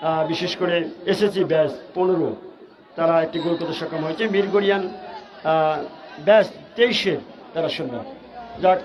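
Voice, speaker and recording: High-voiced Bangladeshi man, excited football commentary. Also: moderate pace, long pauses, highs cut off, a crowd in the background. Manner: excited, urgent play-by-play with repeated stock phrases. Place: outdoor football ground.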